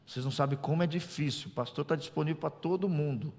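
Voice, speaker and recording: A man from Brazil preaching a teaching sermon as a pastor. He jokes with the congregation in a conversational way, then climbs to loud preaching peaks. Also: fairly high pitch, fast talker. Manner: animated, swings from soft asides to loud preaching peaks. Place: church. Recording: long reverb of a church hall.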